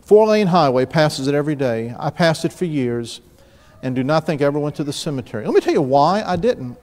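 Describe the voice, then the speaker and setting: The sermon comes from a Louisiana pastor in his fifties, from around New Orleans, whose slightly high, somewhat mellow voice moves briskly with lively intonation. He spins stories casually, restarting often and turning aside to address the congregation. Recorded by a pulpit mic and a mid-distance camera, the large sanctuary adds a long reverb.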